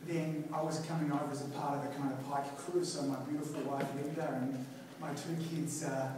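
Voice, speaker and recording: A man's voice: a little high, flat delivery, fairly quick, noisy background. An Australian man in his forties giving a humble, self-deprecating conference talk. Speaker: chiropractor speaker. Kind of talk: conference speech. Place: large conference hall. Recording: echoey hall from a distance.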